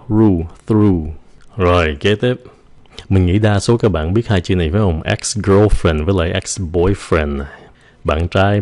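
Low-voiced male teacher, vocabulary lesson, mixes English into his explanations, slow drawn-out pronunciation demos. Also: darkish tone.

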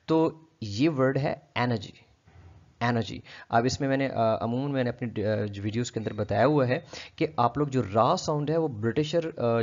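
A man's voice: mid-range voice, darkish tone. Patient man teaching pronunciation. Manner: patient, repeats words slowly for the listener to copy. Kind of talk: explanatory lesson. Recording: dull lo-fi recording.

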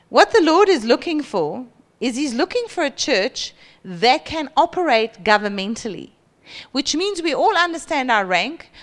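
A woman in her forties with a South African accent, preaching a sermon on a church stage into a handheld mic and mimicking boastful people. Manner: lively, acts out boastful voices with high pitch jumps. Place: large church hall stage.

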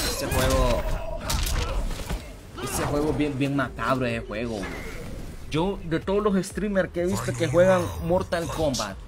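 A man's voice: a little high, noisy background. A young man, chatting casually with viewers while streaming a fighting game, slangy and repetitive. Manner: slangy, repeats himself, greets viewers. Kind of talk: casual live-stream chat while gaming.

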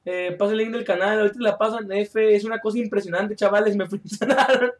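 A young man streaming a game live, chatty and joking as he reads out viewer chat and shouts calls mid-match. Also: sits high, steady tone, quick pace, slight background noise. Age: young adult.

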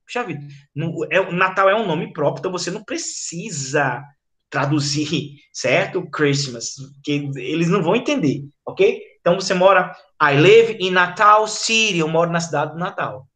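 Brazilian guy teaching english online, high bright voice, chatty, keeps asking the kids if they got it. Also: lively intonation, moderate pace. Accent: Brazilian Portuguese, from Rio Grande do Norte. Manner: chatty, explanatory, keeps checking in with students. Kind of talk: online class lesson.

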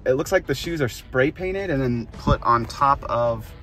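A man's voice: medium pitch, expressive, moderate pace, a bit bright, faint music behind. A man in his thirties vlogging a road trip into a handheld phone, upbeat and playful as he talks with his son. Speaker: vlogger, father. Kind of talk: casual road-trip vlog. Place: car, then outdoors in windy open country. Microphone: handheld phone selfie.

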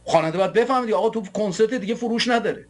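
A man's voice: high-pitched, soft background music. A man from Iran hosting a political show, delivering a combative monologue in a taunting, mocking way. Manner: taunting, mocking, rants with scornful laughs.

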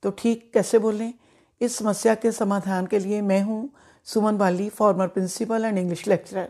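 A middle-aged woman teaches English pronunciation, taking her time over every word. Her voice is warm and mellow, and she speaks slowly and deliberately, repeating each example so it sinks in. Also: mid-range voice. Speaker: English teacher, former principal. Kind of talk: pronunciation lesson in Hindi.

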